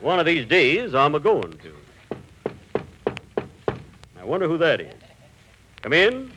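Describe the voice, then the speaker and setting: An actor playing a calm, folksy western cabin dweller in a dry radio comedy style. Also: male voice, fairly high pitch, takes it slowly, full character voice. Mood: folksy, easygoing. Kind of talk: 1930s-40s radio comedy acting. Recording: noisy old radio recording.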